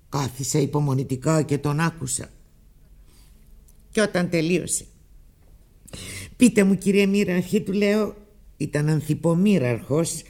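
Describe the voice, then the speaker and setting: High-pitched male narrator for a literary audiobook, emotional first-person delivery. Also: a little mellow.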